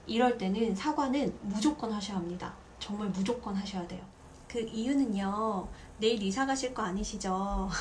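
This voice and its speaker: A woman in her thirties, a parenting vlogger, talking casually and lively to camera. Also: medium pitch, slight background noise. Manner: chatty, lively, acts out quoted voices.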